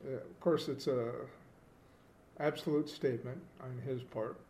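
A man co-hosting a casual theological discussion, speaking in a measured, reflective way with many fillers. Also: medium pitch, fairly even intonation, darkish tone. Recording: roomy echo with faint noise.

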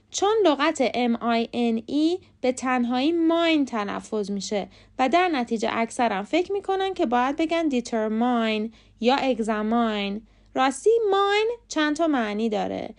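A woman speaking Persian as a first language, hosting a short podcast lesson on English pronunciation, spelling words out slowly letter by letter. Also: on the high side. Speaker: podcast host and English tutor. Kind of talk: scripted lesson.

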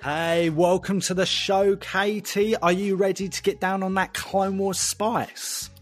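Matey Essex man hosting, slightly high-pitched. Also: level tone, measured pace, soft background music. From Essex, England. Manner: matey, blokey, enthusiastic. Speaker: podcast host. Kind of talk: casual, bantering podcast chat.

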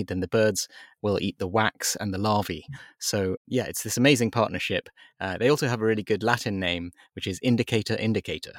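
Enthusiastic low-voiced man explaining science. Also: dry recording, studio quality. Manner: enthusiastic, with fillers and restarts. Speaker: magazine editor, guest.

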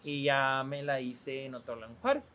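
A young man, a podcast host who is hoarse from a lingering cough, telling stories in a casual chat, swearing and acting out the exchanges he quotes. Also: mid-range voice, flat delivery, moderate pace, muffled recording, slight background noise.

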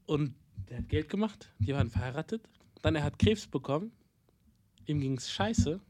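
A man's voice: a little high, normal speed. Young man telling a story, slangy. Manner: animated storyteller, slangy, searches for words. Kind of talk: casual chat.

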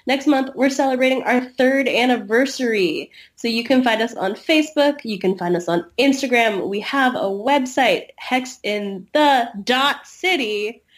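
A woman guest on a podcast, talking casually about her own show. Her voice sits a little high, and she drifts into easy fillers as she winds down. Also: measured pace, hardly any pauses. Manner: easygoing, a little hesitant, with fillers. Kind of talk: casual chat.

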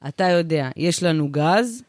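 Brash, streetwise lady bus driver, played by a man, high voice, swaggering slangy delivery, comic banter, dry close sound. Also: animated, no echo, lightly acted. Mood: boastful, animated. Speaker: bus driver character in comedic chat. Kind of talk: improvised comic character banter.

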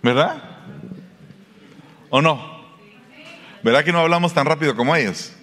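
A man's voice: a little high, unhurried, a bit bright, in a large hall. A man with a Mexican Spanish accent preaching a sermon in a conversational way, often asking his listeners rhetorical questions. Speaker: pastor.

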